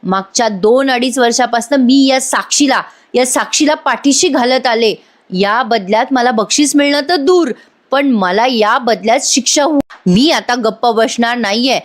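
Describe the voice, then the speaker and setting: A desperate young witness insists loudly on her innocence and turns on her accomplice, in a slightly raised voice, read by a woman narrator. The voice stays near the narrator's own, with no full acting put on. It is a voice-over retelling of a television serial. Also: on the high side, moderate pace, natural voice. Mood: defiant. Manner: loud, pleading denials.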